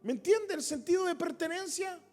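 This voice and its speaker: A man's voice: very high voice, animated, moderate pace, darkish tone, faint music behind. A man with a Chilean Spanish accent teaching a Bible study, emphatic and rising to impassioned calls.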